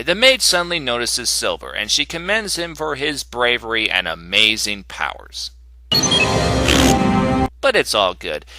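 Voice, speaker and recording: Male comic reviewer, sharp bright tone, dry close voice-over, sarcastic and exasperated delivery. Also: medium pitch, no room sound. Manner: snarky, exasperated, mocking.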